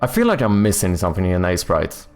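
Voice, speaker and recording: A Swedish streamer and game developer with a deep, gravelly voice talks fast during a casual livestream chat, muttering and thinking aloud as he works. He's relaxed and swears casually, with soft music in the background.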